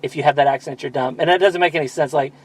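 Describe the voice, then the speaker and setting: A man's voice: fairly high pitch, racing, breathy edge. A man hosting a podcast in casual chat, rambling and profane, with self-deprecating asides. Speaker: podcast host.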